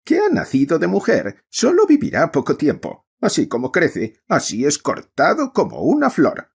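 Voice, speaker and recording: A man reading aloud voices a wrathful preacher who booms out his words. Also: wildly swooping pitch, moderate pace, creaky, husky, exaggerated voice. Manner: booming, declamatory. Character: thundering preacher, wrathful and solemn.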